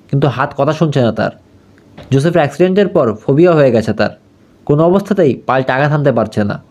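A man's voice: on the high side, darkish tone. Man narrating a story, lo-fi. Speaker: audiobook narrator. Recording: dull lo-fi audio.

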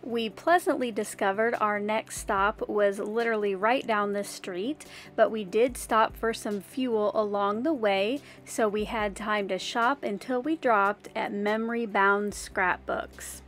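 Soft music plays beneath a woman's mid-range, slightly bright voice at a measured pace. She's a craft vlogger in her forties, chatting warmly and upbeat into a phone held out at arm's length and narrating voice-over, inside her car and at a rest area outdoors.

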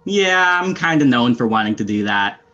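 A man's voice: mid-range voice, lively intonation, moderate pace, bright, forceful tone. A young man playing a stern, weary, menacing anarchist fighter, curt and sardonic, in an amateur video game role-play drama. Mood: dismissive. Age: young adult. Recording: muffled lo-fi headset audio.

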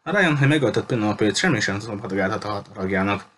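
A man's voice: on the low side, animated, a bit bright, slight background noise. A man voicing a frightened but defiant teenage girl in an audiobook, pleading and stubborn at once. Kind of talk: audiobook character reading.

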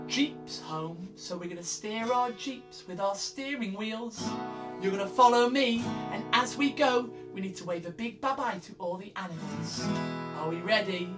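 A woman's voice: mid-range voice, recorded from a distance. A woman speaking as a kids show host, theatrical and encouraging, addressing children directly in an interactive sing-along style. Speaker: children's music session host.

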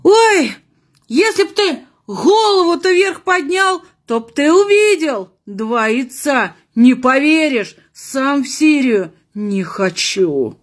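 A woman voicing an obliging, sly nun in a comic joke, with a husky voice. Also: high-pitched, sing-song, slow, pitched above the performer's own voice, exaggerated voice. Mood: sly, confiding. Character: obliging nun, secretly a man dodging the draft. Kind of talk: acted joke telling.

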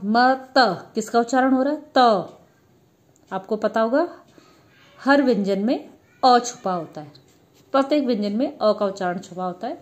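A woman teacher giving a grammar lesson, patiently asking questions and answering them herself. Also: medium pitch. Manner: addresses students as children.

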